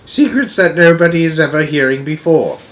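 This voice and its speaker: A man voicing a gentle, wistful storybook giant with muddled, ungrammatical folksy speech. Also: fairly high pitch, expressive, a little fast, voice pushed up. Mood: suspicious. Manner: ungrammatical, jumbled made-up words.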